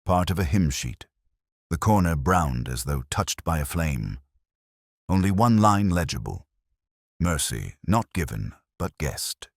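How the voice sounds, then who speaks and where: A man playing a brooding, world-weary, erudite police inspector who narrates a detective story in a measured, literary, reflective manner. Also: sits low, no room sound, studio quality, full character voice. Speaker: narrator in character.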